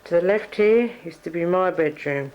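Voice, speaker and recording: A woman's voice: lowish voice, normal speed, lo-fi sound. An Australian woman giving a chatty, reminiscing tour of her family home on a home video. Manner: reminiscing, chatty narration while walking. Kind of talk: casual home-video walkthrough. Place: family house and backyard. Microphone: camcorder microphone.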